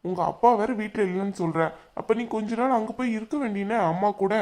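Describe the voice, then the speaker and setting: A man's voice: high-pitched, quick pace, darkish tone, lightly acted. A man voicing a husband in a cartoon who scolds in an exasperated way but means well. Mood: firm. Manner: chiding, exasperated. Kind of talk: cartoon voice acting.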